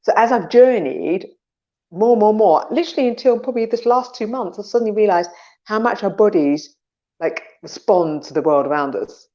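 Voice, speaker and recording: A woman's voice: medium pitch, animated, normal speed, warm tone, dull audio. A woman co-hosting a casual podcast chat, talking animatedly and acting out her inner voices, with some swearing. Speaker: podcast co-host.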